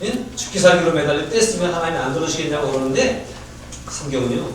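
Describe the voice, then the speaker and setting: A male pastor giving a conversational sermon, quizzing the congregation with rhetorical questions and moving between lively raised passages and quiet asides. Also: a little high, quick pace. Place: church sanctuary. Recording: very echoey church, mic far off.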